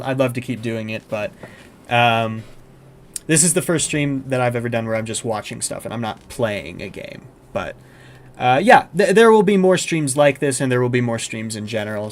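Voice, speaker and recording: A young man talking casually on a live stream, chatty and easygoing as he reads out chat messages between clips. His voice sits at an ordinary middle pitch, spoken into a desk mic at his computer. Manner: chatty, reads chat and script aloud, frequent fillers. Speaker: streamer reacting to horror videos.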